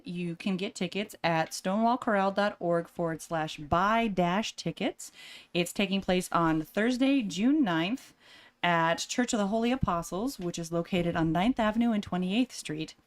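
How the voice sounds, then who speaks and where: A woman's voice: medium pitch, measured pace. A woman with a Southern American accent, a player on a game podcast, making casual announcements with many fillers. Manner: chatty, hesitant with fillers. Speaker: player and choir singer.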